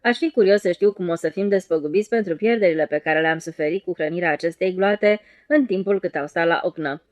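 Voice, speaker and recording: Haughty lord with a deadpan lifeless voice, read by a woman in an audiobook, lowish tone. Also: no room sound, close to an everyday voice. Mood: sour. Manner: dull deadpan voice. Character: cold, haughty male aristocratic lord.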